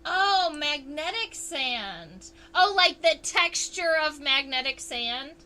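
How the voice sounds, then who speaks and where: A woman's voice: high-pitched, animated, pushed and bright. A woman entomologist hosting a casual livestream, explaining insect anatomy under a microscope and answering viewers' chat. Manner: chatty, unhurried, reads chat aloud.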